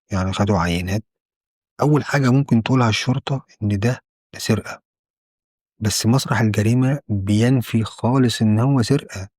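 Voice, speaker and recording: Egyptian male storyteller, conversational true crime, low voice, dry. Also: a little mellow, dry recording. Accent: Egyptian Arabic. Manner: conversational, repeats and restarts phrases.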